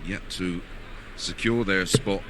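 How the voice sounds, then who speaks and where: A man's voice: low voice, fairly even intonation, slow pace. A man giving conversational live commentary as a darts co-commentator. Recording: clear venue noise behind commentary.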